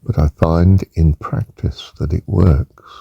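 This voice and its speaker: An older man gently talking through a reflective monologue with rambling asides and soft fillers. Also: sits low, fairly even intonation, slow pace, gravelly, slightly rough, no echo. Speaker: personal reflection speaker. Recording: muffled lo-fi recording.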